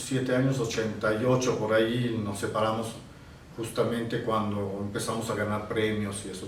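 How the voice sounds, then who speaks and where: A lowish-voiced man from Italy, a painter in his sixties, is interviewed about his memories and talks reflectively, frequently stopping to find words. He is set back from the microphone in a room with noticeable reverb, with a faint ambient hum underneath.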